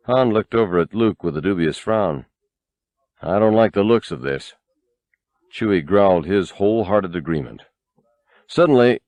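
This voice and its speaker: An audiobook narrator reads adventure fiction in a lowish male voice with an animated range, telling a novel's scripted drama in a measured, expressive storytelling manner. The sound is dry, with no echo.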